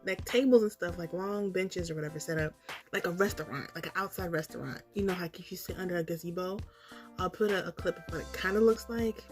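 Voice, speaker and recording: Woman hazily recounting a puzzling dream over music. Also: mid-range voice. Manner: hazy, puzzled recounting of a dream, circling back and guessing. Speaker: storytelling vlogger. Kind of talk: casual storytime chat.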